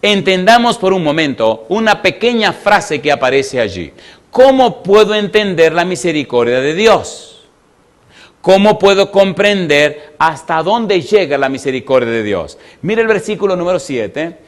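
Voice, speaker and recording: A male preacher delivering an emphatic sermon in a fairly high voice. He keeps asking his listeners yes-or-no questions and drawing out the words he wants them to hear. His tone is earnest and moved. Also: sing-song. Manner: peppers the congregation with rhetorical questions; emphatic, slowing down to stress key words. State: emotional.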